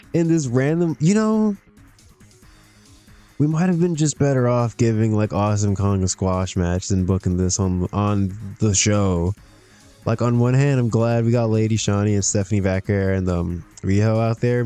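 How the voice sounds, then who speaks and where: A man's voice: lowish voice, fairly even intonation, measured pace, mellow, faint music behind. A man streaming a wrestling management game, chatting casually to himself, laughing often as he reacts to results. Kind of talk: casual gameplay commentary.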